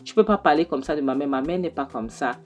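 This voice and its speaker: A woman's voice: low-pitched, animated, fast, lo-fi sound. A woman voicing an indignant young daughter who stands up to her father for her mother, repeating herself as she argues. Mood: defiant.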